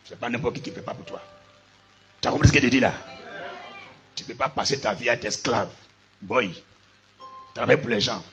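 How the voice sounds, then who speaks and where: A man's voice: mid-range voice, fairly quick, pauses often, fairly bright tone, soft background music. A man with an Ivorian French accent preaching a sermon, spelling out words letter by letter and asking his listeners if they follow. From Côte d'Ivoire. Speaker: pastor.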